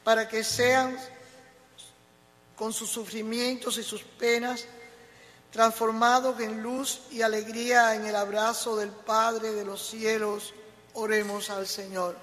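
A male lector with a voice that sits high reads the prayers of the faithful at Mass slowly and evenly. He is in a large church, and the recording carries a long cathedral-style reverb.

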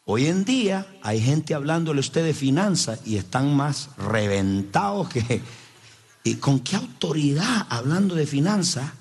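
Male pastor for a sermon: husky voice, very animated pitch, emphatic and direct with the congregation. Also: a little slow.

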